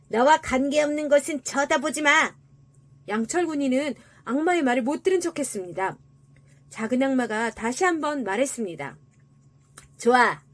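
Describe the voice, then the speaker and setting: Female storyteller for children's tales, high and animated, gentle and expressive.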